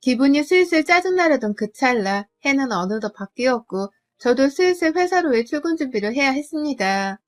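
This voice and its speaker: A woman's voice: high voice, lively intonation, moderate pace, few pauses. A woman narrating a first-person story, retelling events in an exasperated, indignant way.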